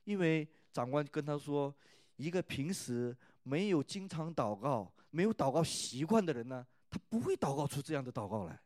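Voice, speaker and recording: A man's voice: on the high side, big pitch swings, moderate pace, a little mellow, no room sound, studio quality. A man preaching at a youth church service, who keeps asking the listeners "right?" and retells scripture in a conversational tone. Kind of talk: sermon.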